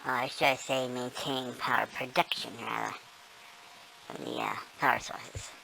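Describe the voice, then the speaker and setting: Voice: steady tone, normal speed, vocal fry, pushed and bright, slight background noise, low-quality recording. A person talking through a voice-morphing filter that makes them sound like a small squirrel, casually rambling through a gameplay tour with many ums and self-corrections. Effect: voice-morphing filter, squeaky and small like a squirrel. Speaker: gamer giving a tour of a build.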